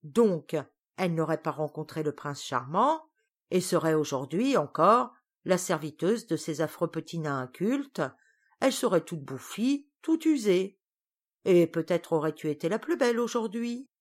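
A woman's voice: on the low side, animated, unhurried. A woman voicing an insolent, mocking magic mirror that taunts in sing-song. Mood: taunting.

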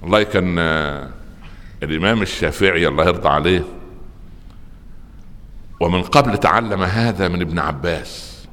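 Egyptian preacher telling stories in a big echoing hall. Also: male voice, low-pitched, moderate pace, pauses often. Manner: lively storyteller, keeps asking the audience rhetorical questions. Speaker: preacher teaching a religious lesson. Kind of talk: religious lecture to a live audience.

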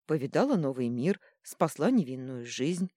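A woman's voice: extremely low pitch, big pitch swings, normal speed, dark tone, husky, no room sound, studio quality, full character voice. A woman voicing a mischievous, smug little god of chaos who teases and purrs his lines. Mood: teasing. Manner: teasing, smug, purring. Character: mischievous invisible male chaos godling.

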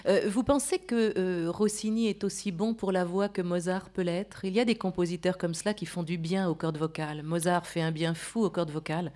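A woman's voice: on the low side, fairly even intonation, normal speed, hardly any pauses, warm tone. A woman hosting a live radio programme in French, interviewing and presenting as a broadcaster. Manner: supplies and corrects the guest's words. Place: opera house auditorium.

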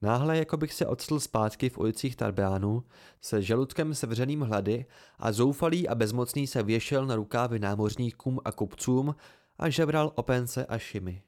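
A man narrating an amateur audiobook in a steady first-person storytelling manner. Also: mid-range voice.

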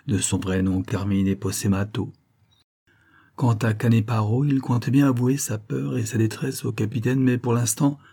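A man narrating a crime novel in a calm, measured reading. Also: on the low side, breathy edge. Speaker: audiobook narrator.

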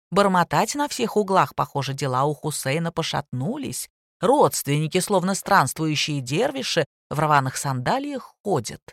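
Low-voiced woman reading an audiobook. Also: dry recording, clean studio sound. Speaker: audiobook narrator. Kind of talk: scripted narration.

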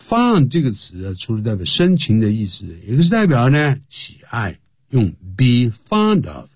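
A man's voice: medium pitch, wildly swooping pitch, moderate pace, darkish tone, husky, dry recording, studio quality. A man teaching English phrases in a radio lesson, explaining each one and spelling words out letter by letter.

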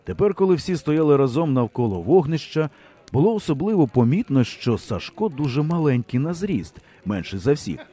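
A man narrating an audiobook in an expressive, humorous storytelling manner. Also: on the high side, normal speed. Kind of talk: scripted narration.

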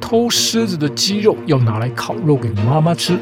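A man hosting a podcast retells fairy tales with playful, teasing, mock-reasonable commentary over guitar music. His voice sits on the high side with big pitch swings, at normal speed.

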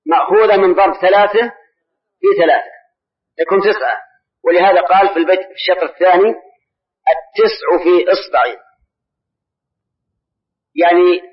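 Older-style mosque teacher, high voice, slow and deliberate, repeats and quizzes, muffled lo-fi tape. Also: male voice. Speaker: Islamic scholar answering questions. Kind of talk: mosque lesson, explaining grammar. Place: large mosque. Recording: dull lo-fi old recording.

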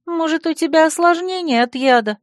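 A woman voicing a gentle, fretful young friend. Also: high voice, moderate pace, dry recording, studio quality, pitched above the performer's own voice, natural voice. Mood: pleading. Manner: soft, soothing, anxious. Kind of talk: audiobook character voice.

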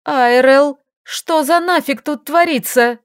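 A woman reading an audiobook voices a frantic young woman, shrill and panicked. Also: slow pace, dry recording, clean studio sound. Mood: terrified. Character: panicky young woman facing monster flowers.

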